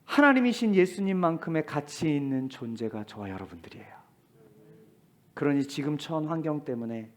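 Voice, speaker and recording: A male pastor delivering a sermon in a church, swinging between loud exclamations and hushed whispers. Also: medium pitch. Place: church sanctuary.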